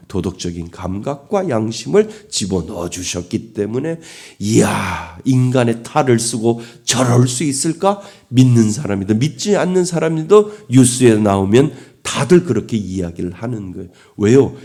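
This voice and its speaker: A man's voice: medium pitch, warm tone. A middle-aged man preaching a sermon as pastor, asking the congregation rhetorical questions.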